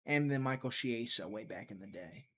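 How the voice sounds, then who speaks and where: A live prediction streamer, he speaks in a mid-range voice with lively intonation at a moderate pace, casually talking to chat, musing aloud and at times muttering as his words fade.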